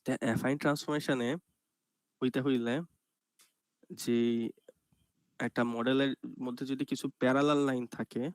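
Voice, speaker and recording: A man's voice: mid-range voice, level tone, smooth, no echo. A man giving an online computer graphics lecture, explaining step by step and checking in with students. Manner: explains step by step, often asks "ঠিক আছে?"; speaks softly and slowly on purpose.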